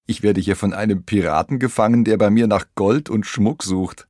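A man voicing a curious, plucky young schoolboy in a children's audiobook, lightly and lively. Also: lowish voice, moderate pace, no echo, studio quality, natural voice.

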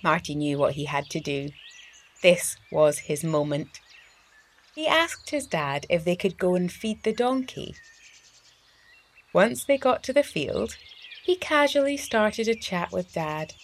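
A woman whose voice sits on the low side reads a children's story as host of a story series, expressive and deliberate. A little hiss or hum can be heard in the recording.

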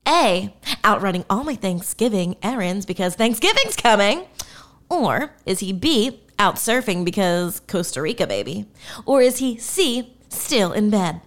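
A woman's voice: mid-range voice, big pitch swings, normal speed, fairly bright tone. A woman hosting her podcast alone from a home spare room, chatting casually in a bubbly, hyped, playful way. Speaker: podcast host. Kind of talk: casual solo podcast chat.

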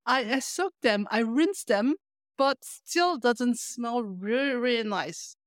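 Recorded cleanly in a studio with no room sound, this podcast co-host who lives in Paris talks slowly in a slightly high voice. She explains things in a relaxed, hesitant way, often repeating words as she goes.

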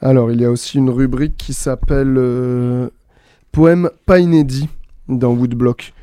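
A man's voice: mid-range voice, unhurried, clean tone, no echo. A man hosting a reading show, chatting casually with fillers before reading texts and his own poems. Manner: relaxed, hesitant fillers, reading aloud. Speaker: host reading books and poems.

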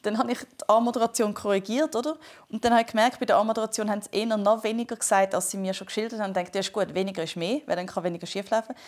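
A woman who talks very fast while she tells a story on a casual podcast. Her delivery is animated and lively. She is heard over a phone call. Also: mid-range voice. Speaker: podcast co-host, comedian.

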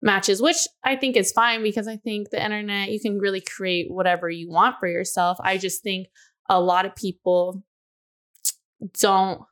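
A mid-range, slightly bright voice with fairly even intonation belongs to a twenty-something woman co-hosting a podcast. The chat is casual and candid as she thinks out loud at length, leaning heavily on "you know" and "like."

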